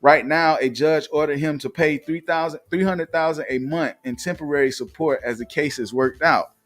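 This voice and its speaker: Soft music plays behind this live-show host from Atlanta, whose voice sits on the high side with a steady tone and moderate pace. He chats and reads the news aloud loosely, with lots of fillers and repeated restarts.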